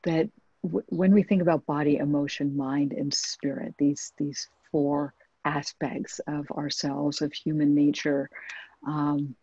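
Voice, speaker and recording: A woman's voice: sits low, little pitch movement, measured pace, dark tone, slightly rough, no echo. A woman author speaking thoughtfully on a webinar video call, hesitant with many restarts. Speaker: author guest. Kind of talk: reflective webinar conversation. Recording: muffled video call audio.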